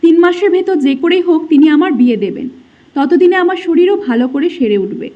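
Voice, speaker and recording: A woman telling an emotional story in the first person, in soft scripted narration. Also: extremely high pitch, lively intonation, brisk, muffled recording.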